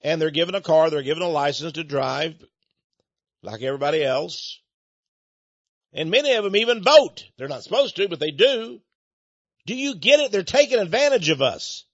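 High-voiced man ranting indignantly. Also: expressive, normal speed, pauses often, fairly bright tone, no room sound. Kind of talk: political commentary monologue. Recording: dull, dry lo-fi recording.

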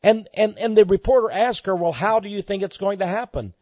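A man's voice: high-pitched, fairly quick, darkish tone, no echo. A man hosting a ministry program, reading listener letters aloud and answering them in an emphatic preaching way, his voice climbing sharply when he gets worked up. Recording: dull lo-fi dry recording.

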